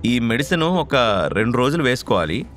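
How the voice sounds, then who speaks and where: A man voicing a calm, curt male doctor with a suspicious edge. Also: medium pitch, brisk, over music, close to an everyday voice.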